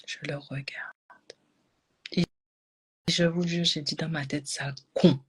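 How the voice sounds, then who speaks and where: A woman with a husky, slightly low voice recounts a personal story. She is animated, rising into loud bursts and then dropping to hushed whispers. It sounds like casual live storytelling to an audience. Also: measured pace. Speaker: energy healing coach.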